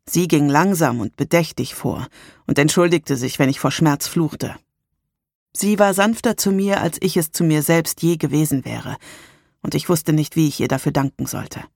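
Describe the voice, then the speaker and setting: A narrator reading a German first-person audiobook in a calm, measured storytelling manner. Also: mid-range voice, vocal fry, no room sound, studio quality.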